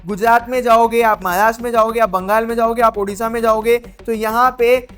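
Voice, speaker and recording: A woman's voice: fairly high pitch, fairly even intonation, a little fast, a bit bright. A woman teaching an exam revision lesson, playful and chatty, drilling her points by asking questions and answering them herself.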